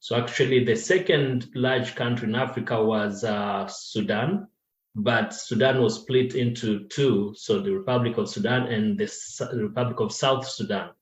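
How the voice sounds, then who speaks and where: A man from the DR Congo, a podcast guest talking animatedly with fillers over a video call. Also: fairly low pitch. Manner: animated, repeats words and pauses with fillers. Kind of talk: casual interview talk. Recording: roomy, dull video-call audio.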